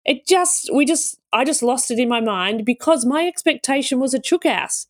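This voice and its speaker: A young Australian woman, a wellbeing speaker and educator, telling a story on a solo podcast in an animated way. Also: high voice, moderate pace.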